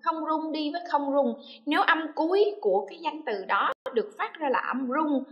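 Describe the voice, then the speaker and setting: Female teacher, a bit high-pitched, patient and methodical, models sounds for learners to repeat. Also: lively intonation, muffled recording. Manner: patient, checks understanding with repeated questions; drawn-out demonstration sounds, models words slowly. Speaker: English teacher. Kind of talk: classroom lesson explaining pronunciation.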